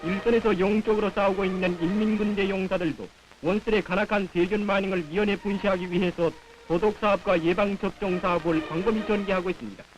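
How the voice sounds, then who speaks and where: A male narrator with a North Korean accent and a notably high voice delivers a 1950s propaganda newsreel script. His delivery is solemn and declamatory, as heard on an old film soundtrack. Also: steady tone, quick pace, soft background music, rough recording.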